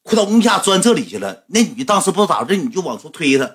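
A man with a Northeastern Chinese accent spins a comic yarn at a rapid clip. His voice is a little husky and swings widely in pitch as he retells the story with lively, colloquial flair.

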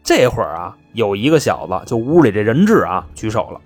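A man's voice: lowish voice, sing-song, a little fast, husky, soft background music. A man telling a comic crime story in a chatty, punchy, colloquial way.

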